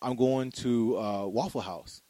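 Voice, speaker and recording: A man's voice: medium pitch, unhurried, warm tone, no room sound, poor audio. Dry, close-miked rambling male interviewer. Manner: rambling, many fillers and restarts. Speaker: podcast interviewer. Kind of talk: casual interview with ad read.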